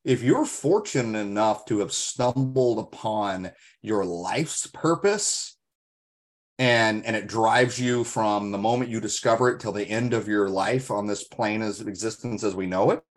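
A podcast co-host with a lowish, expressive voice talks unhurriedly in a casual discussion. He comes across as earnest and reflective, telling stories and posing emphatic rhetorical questions.

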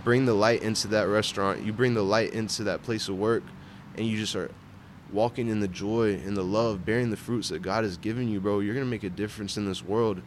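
A man's voice: fairly low pitch, steady tone, brisk. A young man talking casually and earnestly about faith, with slangy, bro-heavy phrasing. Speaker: barber sharing his faith. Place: outdoors at a park bench. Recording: outdoor urban vehicle noise.

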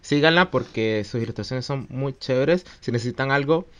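A man's voice: mid-range voice, moderate pace. Joking man co-hosting a podcast. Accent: mixed Chilean and Mexican. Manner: joking, rambling with many fillers. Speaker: podcast co-host. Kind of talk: casual podcast chat.

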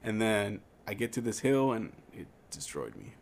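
A man's voice: fairly low pitch, sing-song, moderate pace, gravelly, darkish tone. A man on a casual podcast telling rambling, self-deprecating anecdotes. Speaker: podcast co-host. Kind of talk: casual chat.

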